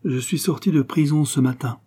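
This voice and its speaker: A man's voice: a little high, mellow, husky, pitched above the performer's own voice. A man reading the part of an aging ex-prisoner bent on revenge, hard and grim in his words. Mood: vengeful. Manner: hard, cursing, slow and grim. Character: bitter aging man fresh from prison, vengeful.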